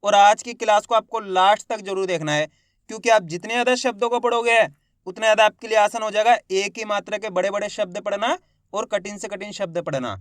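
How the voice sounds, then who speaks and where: A man teaching Hindi reading, sounding out each syllable loudly and then blending it into the word, encouraging his viewers as friends. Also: high voice, steady tone, fairly quick, dry recording, clean studio sound. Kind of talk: slow syllable-by-syllable reading lesson.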